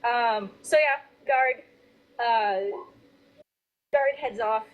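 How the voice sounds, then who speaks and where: A woman narrating a tabletop game as game master, casually and haltingly, repeating phrases as she goes. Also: on the high side, narrow, tinny audio.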